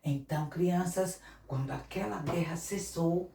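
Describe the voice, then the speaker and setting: A woman missionary telling a Bible story to children in an animated way, often calling out to them. Her voice sits fairly low and sounds distant in a roomy, echoing space. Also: a little slow, creaky, background noise. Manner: animated, addresses children directly. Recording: echoey room, mic far off.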